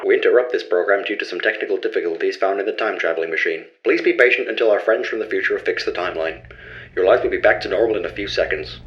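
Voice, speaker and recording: Brisk deep-voiced announcer played by a man breaking in on a hijacked broadcast, formal, muffled with a faint hum. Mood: announcing. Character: male broadcast announcer cutting into a program. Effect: hijacked broadcast announcement, heard through a speaker.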